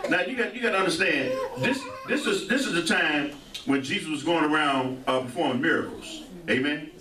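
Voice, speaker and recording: Joking St. preacher in an echoey church. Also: male voice, a little high, a little fast, crowd noise. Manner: joking, call-and-response with many amens. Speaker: pastor. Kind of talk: sermon. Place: church sanctuary. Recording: echoey church hall, mic far off, congregation audible.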